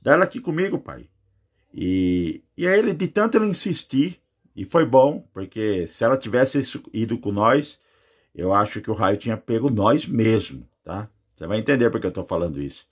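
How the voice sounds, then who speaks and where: A man's voice: on the low side, big pitch swings, moderate pace, husky. A Brazilian man recounting a personal experience, rambling with many fillers. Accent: Brazilian Portuguese. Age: adult with children. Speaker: near-death experience witness. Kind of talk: personal testimony.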